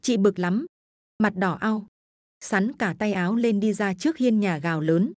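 A woman storyteller narrating a ghost story in a steady, even reading. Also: mid-range voice, unhurried, dry recording, clean studio sound.

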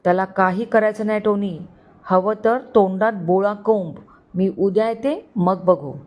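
A woman voicing a cool female crime boss who gives slow, calm commands. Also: mid-range voice, close to an everyday voice. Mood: commanding.

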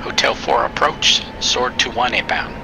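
Gravelly, clipped fighter flight lead. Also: male voice, mid-range voice, steady tone, measured pace. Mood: calm, procedural. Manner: clipped, procedural. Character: businesslike male fighter pilot flight lead. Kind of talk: military radio chatter in a flight game. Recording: loud aircraft cockpit noise.

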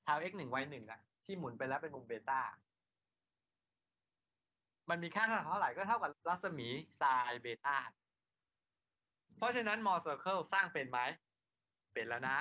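A man with a bright, forceful voice, a little higher than most men, gives a university engineering lecture. He keeps asking his class questions and answering them himself. The recording sounds dull and lo-fi. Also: animated, moderate pace. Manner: asks students rhetorical questions, then answers them himself.

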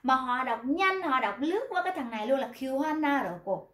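A woman's voice: high-pitched, animated, brisk, fairly bright tone. A woman teaching a pronunciation lesson, patiently explaining step by step and repeating her examples. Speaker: Korean language teacher. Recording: roomy echo.

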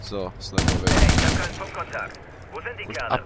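A man's voice: low-pitched, slow. A man doing casual, slangy, grumbling gameplay commentary over game sounds. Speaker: let's player. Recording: loud game gunfire and vehicle noise. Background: shooter game sounds.

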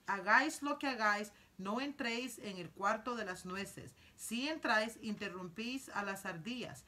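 A woman reading aloud as an eccentric, cheerful male candy-factory owner who shows things off quickly and excitedly. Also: on the high side.

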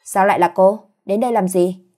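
A woman's voice: medium pitch, steady tone, fairly quick, mellow, close to an everyday voice. A woman voicing a scornful middle-aged mother-in-law who scolds shrilly, in a spoken story. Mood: scolding.

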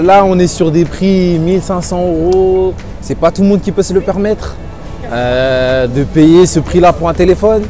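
A young man answering a street interview on a busy outdoor avenue, steady and thoughtful. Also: a little high.

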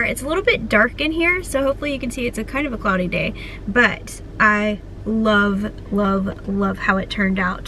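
A woman's voice: mid-range voice, a bit bright, a little hiss or hum. A woman in her thirties, a lifestyle vlogger, talking to a handheld phone camera in a chatty, upbeat way with frequent laughs. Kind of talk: casual vlog talk to camera.

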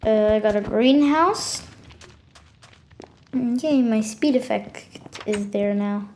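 Slow, halting woman touring her game world. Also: fairly high pitch, a little mellow, slight background noise. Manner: halting, many fillers and self-corrections. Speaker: gaming channel host. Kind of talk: casual game tour.

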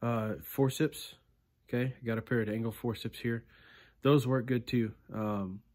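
A man in his thirties hosting a fishing channel, giving a casual walkthrough of his gear close to a phone camera in a small indoor room, relaxed and chatty, often tagging lines with "right?" and "okay". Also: medium pitch, measured pace.

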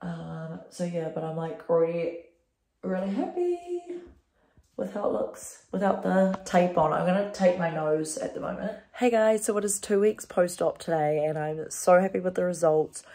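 In an echoey little bathroom, a young adult New Zealander chats to her phone camera held at arm's length, filling her casual talk with "um" and "like." Her voice is fairly low, warm and animated at a normal speed, but sounds congested and nasal.

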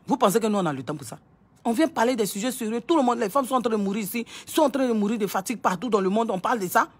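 Husky-voiced woman scolding. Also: a little high, lively intonation, rapid-fire. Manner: scolding, repetitive, emphatic, stammers on repeated words. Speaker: online commentator. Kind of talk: impassioned casual monologue.

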